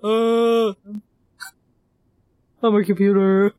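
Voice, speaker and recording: A woman's voice: mid-range voice, little pitch movement, slow, mellow, smooth, dry recording, studio quality, lightly acted. Woman doing a creepy robot computer voice. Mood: eerie. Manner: mock robot voice imitating a computer. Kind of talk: casual movie-watching chat.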